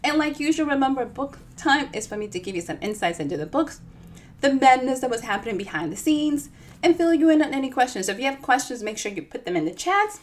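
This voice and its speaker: Her voice is high and very animated, and she talks fast over a faint hiss or hum. She's a woman from the Dominican Republic hosting a livestream storytime as an author, chatting in a bubbly, playful, informal way.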